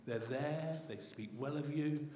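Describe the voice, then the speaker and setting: A middle-aged man from England preaching a sermon, swinging between loud excitement and soft, reflective passages. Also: fairly high pitch, a little slow, a little hiss or hum. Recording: roomy hall echo heard from a distance.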